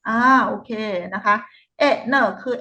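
A woman's voice: a little high, fairly even intonation, a little slow, sharp tone. A woman tutor patiently sounding out short English words one by one in a phonics lesson, with polite particles. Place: home tutoring room. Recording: dull lo-fi recording.

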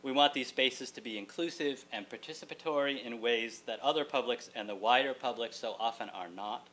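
Brisk and sharp-toned, a middle-aged man speaks in a medium pitch while delivering a prepared keynote at a lecture hall podium. He is a college writing teacher, articulate and wry, throwing in joking asides. A distant camera captured it along with hum and room noise.

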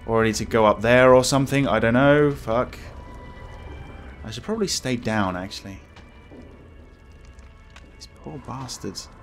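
A man's voice: mid-range voice, measured pace, long pauses. A man giving casual let's play commentary as a scared, jumpy horror game streamer who exclaims and swears. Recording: music behind the voice.

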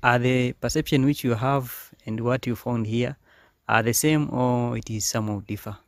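A man's voice: medium pitch, steady tone, normal speed, no room sound, studio quality. A young man hosting an interview outdoors in a garden, asking questions with frequent fillers into a handheld phone. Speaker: interviewer, channel host. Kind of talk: casual interview.

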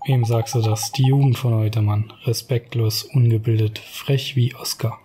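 A man's voice: mid-range voice, fairly even intonation, moderate pace, noisy background, close to an everyday voice. Man reading as a brash little fairy sidekick. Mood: grumbling. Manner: slangy, blunt, grumbling. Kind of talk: reading game dialogue aloud.

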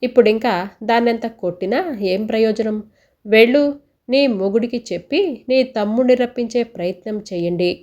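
A woman voicing a calm, firm middle-aged woman doctor who questions gently and then lectures. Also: a little high, normal speed, muffled recording, lightly acted. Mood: lecturing.

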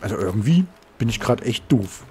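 A man's voice: on the low side, very animated, brisk, a little mellow, slight background noise. A man commenting on his gameplay, exasperated and swearing, talking to his viewers. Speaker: let's play host.

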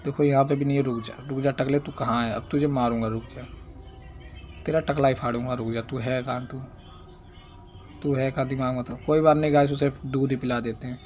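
A young man giving casual, excitable gameplay commentary, chatting in slang and scolding the game's baby character. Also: mid-range voice, fairly quick, muffled recording, a little hiss or hum. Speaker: gaming YouTuber.

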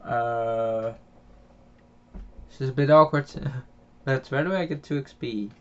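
A young man with a Dutch accent talks through a farming game in a loose, meandering way, stacking ums and uhs and restarting his sentences. His voice sits at a middling pitch. The home microphone sounds a little dull and muffled. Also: slow pace, fairly bright tone, clear, resonant tone. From Netherlands. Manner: rambling, many fillers and restarts, chuckles often. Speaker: gaming channel host. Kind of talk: casual gameplay commentary.

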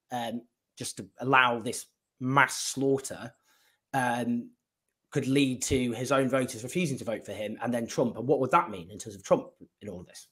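A man's voice: medium pitch, fairly bright tone, husky. A man hosting a political interview, thinking aloud as he frames long questions. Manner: conversational, thinking aloud while framing questions. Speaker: host, interviewer.

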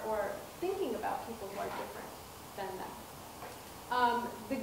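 A middle-aged woman professor lectures an audience in a fairly high voice, soft-spoken and measured, frequently pausing with ums and restarting phrases. The setting is a dark auditorium stage with a projector screen; she has a handheld mic, but a far camera picks up the distant, echoey hall and room noise.

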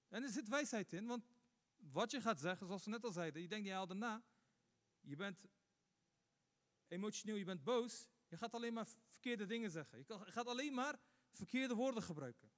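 A man's voice: high-pitched, a bit bright. A man giving a Friday sermon as imam, asking rhetorical questions and repeating points for emphasis. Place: mosque. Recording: long hall reverb.

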